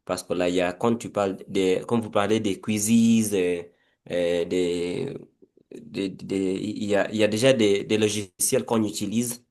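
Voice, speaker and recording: A man with a Kenyan accent, a teacher asking a question in an online workshop over a video call, halting and repeating words. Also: on the low side, steady tone, darkish tone. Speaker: participating teacher.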